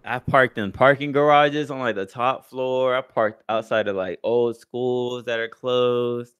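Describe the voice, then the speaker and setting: A man's voice: mid-range voice, fairly even intonation, unhurried, fairly bright tone, smooth. A young American man chatting and telling stories on a podcast in casual, profane slang. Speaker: podcast co-host. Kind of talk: casual storytelling chat.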